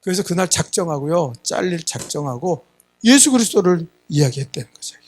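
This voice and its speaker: A man's voice: on the high side, animated, a little fast. A middle-aged man preaching a Sunday sermon, emphatic, often prodding the congregation with a questioning "eh?" and acting out quoted voices. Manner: emphatic, keeps asking the congregation "예?"; acts out quoted voices in dialogue. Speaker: pastor.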